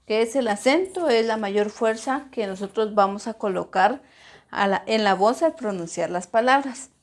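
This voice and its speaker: A woman teaching a primary school grammar lesson, slowly and deliberately, stressing syllables as she models words. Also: mid-range voice.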